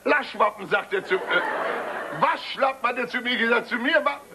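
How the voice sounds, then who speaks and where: A man's voice: very high voice, moderate pace, noisy background. An actor playing a boastful, stubborn factory-owner father in a stage comedy, blustering and repeating himself.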